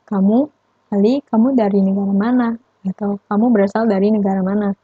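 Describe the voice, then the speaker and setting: A woman teacher giving a lesson, explaining step by step and slowly repeating her examples. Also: medium pitch, fairly even intonation, slightly rough, dry recording, phone-quality sound. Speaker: Mandarin language teacher.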